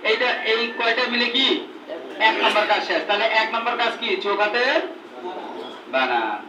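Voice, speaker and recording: High-voiced man drilling a class. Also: fairly even intonation, fairly quick. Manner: repeats questions, drills a group. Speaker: Quran reading teacher training instructors. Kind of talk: classroom drill with call and response. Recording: echoey room, mic far off, noisy.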